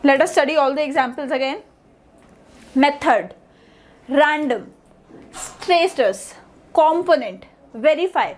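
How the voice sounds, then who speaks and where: Slow, high-voiced woman teaching pronunciation. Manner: mixes Hindi and English, repeats each word slowly. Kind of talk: online language lesson.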